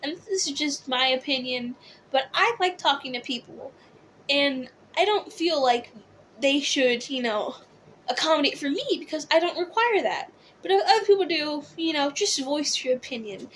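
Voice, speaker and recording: A drag queen host chatting casually to viewers about opinions and comments, rambling conversationally with theatrical, drawn-out emphasis. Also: sits high, animated, fairly bright tone, a little hiss or hum.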